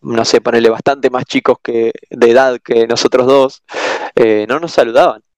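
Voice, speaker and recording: A man's voice: mid-range voice, fairly even intonation, a little mellow, no room sound. Hesitant Argentine man, dry sound. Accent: Argentine Spanish. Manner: hesitant, many pauses and restarts. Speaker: guest. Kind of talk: casual conversation.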